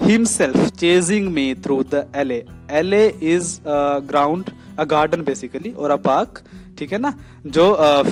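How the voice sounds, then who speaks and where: A man teaching English grammar in Hindi mixed with English. He keeps checking that students follow and reads the example sentences slowly, stressing each word. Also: fairly high pitch. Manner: explains slowly and often checks "theek hai na?".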